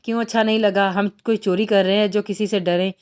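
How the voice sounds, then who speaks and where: A woman's voice: mid-range voice, steady tone, fast talker, darkish tone, clear, resonant tone, lightly acted. A woman reading the part of a young army major who teases and sweet-talks the girl he loves. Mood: teasing. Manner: teasing, affectionate. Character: young man, an army major, tender and teasing lover.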